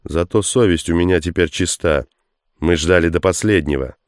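A man's voice: sits low, moderate pace, no echo, studio quality, lightly acted. A man voicing a curt, commanding soldier. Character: gruff male soldier leading a breakout.

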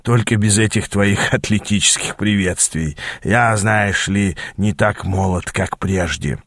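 A man voicing an elderly demon archer who talks in a low, chuckling drawl. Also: unhurried, vocal fry, a bit bright, no room sound, exaggerated voice. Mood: teasing.

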